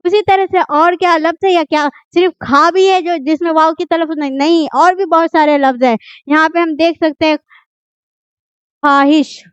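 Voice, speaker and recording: A woman's voice: very high-pitched, fairly even intonation, brisk, few pauses, dry recording, muffled recording. A woman teaching a grammar lesson, who keeps asking the class questions and then answers them herself. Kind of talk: grammar lesson explained at a board.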